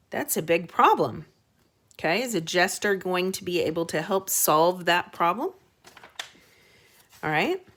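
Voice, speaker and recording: An elementary teacher leads a young children's reading lesson in a slightly bright voice, speaking unhurriedly with large rises and falls in pitch. She uses plain, chatty language and tosses in quick questions to make sure the kids follow.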